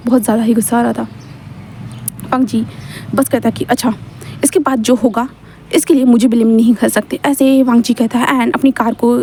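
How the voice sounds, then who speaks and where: A woman's voice: a little high, dark tone. A woman casually reading a fan-fiction story aloud, chatty and correcting herself as she goes.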